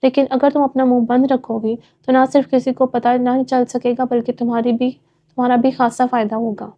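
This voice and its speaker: A woman's voice: fairly high pitch, flat delivery, close to an everyday voice. A woman voicing a curt, commanding rich young man in a dull lo-fi recording.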